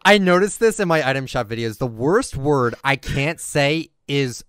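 A man's voice: mid-range voice, animated, moderate pace, fairly bright tone, smooth, no room sound, clean studio sound. A man hosting a podcast in casual chat, swearing freely and joking about himself. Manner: profane, self-mocking. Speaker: podcast host.

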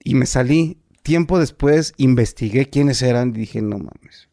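A man in his forties with a Mexican accent, an actor telling stories in a relaxed interview, full of fillers and repeats. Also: mid-range voice, measured pace, no room sound, clean studio sound. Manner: colloquial, many fillers and repeats. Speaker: actor guest. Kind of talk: casual interview storytelling.

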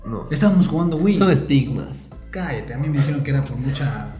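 A man's voice: medium pitch, expressive, brisk, over music. A young man, chatting casually with friends as a podcast co-host, joking and rambling in slangy speech. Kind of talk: casual chat among friends. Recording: roomy echoey room.

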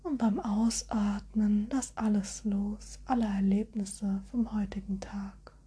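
A woman guiding a relaxation hypnosis in a soft, soothing, airy spa whisper with gentle suggestions. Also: mid-range voice, steady tone, takes it slowly, breathy edge. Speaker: hypnosis guide.

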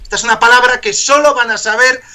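A man's voice: very high-pitched, fairly even intonation, quick pace, bright, forceful tone. A man hosting a live radio show, joking playfully as he teaches English words.

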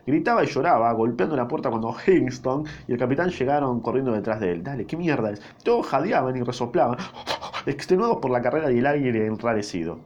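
A man's voice: mid-range voice, lively intonation, brisk, a little mellow, highs cut off. A young man with a Rioplatense accent reading a novel aloud, breaking off often for crude, swearing jokes and bursts of laughter. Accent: Rioplatense Spanish. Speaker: reader.

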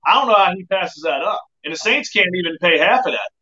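High, bright man on a robotic phone line. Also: lively intonation, fast talker, a little hiss or hum. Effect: robotic, tunnel-like phone-call audio. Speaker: sports podcast co-host. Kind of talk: casual sports talk over a call.

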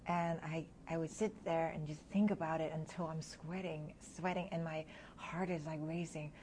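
A woman in her thirties from Hong Kong, a guest speaking candidly and reflectively in an interview, often laughing softly between thoughts. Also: low voice, fairly even intonation, moderate pace, a little hiss or hum.

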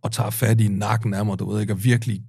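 A man's voice: on the low side, little pitch movement, gravelly, darkish tone, husky, no echo, studio quality. A man in his forties, a podcast guest, telling a rambling anecdote casually, swearing often and full of fillers. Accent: Danish. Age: 40s. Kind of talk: casual storytelling.

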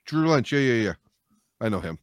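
Male co-host, mid-pitched with swooping intonation, dry close sound. Excitable, repetitive, foul-mouthed chat. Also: moderate pace, no room sound. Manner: sweary, excitable, repeats phrases. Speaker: podcast co-host. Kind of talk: casual group banter.

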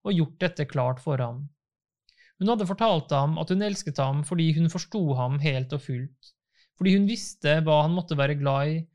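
A man reading a classic novel aloud in calm, measured scripted narration. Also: a little high. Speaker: audiobook reader.

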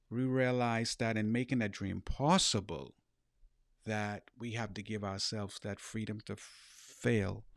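A middle-aged Bahamian-accented man with a lowish voice gives an earnest, emphatic motivational talk as a podcast host and life coach, repeating his key phrases. The studio-quality recording has no room sound.

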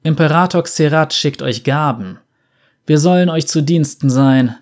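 A man voicing a brash, scheming mercenary leader who talks loud and pushy. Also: fairly high pitch, voice pushed up, natural voice. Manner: raised, pushy, quick.

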